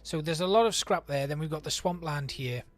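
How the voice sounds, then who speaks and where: A man's voice: fairly high pitch, fairly quick, faint music behind. A man streaming a city-building game, chatting and thinking aloud as he plays. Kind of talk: let's play commentary.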